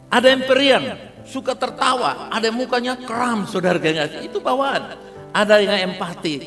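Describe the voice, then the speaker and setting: A high, animated man's voice with a Kupang Malay accent, preaching with humor and constant asides to the congregation. His pitch swings widely, and the church hall adds a long reverb. Soft music plays faintly behind him. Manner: lively, humorous, addresses listeners as "saudara kasih" often. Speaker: pastor. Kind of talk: sermon.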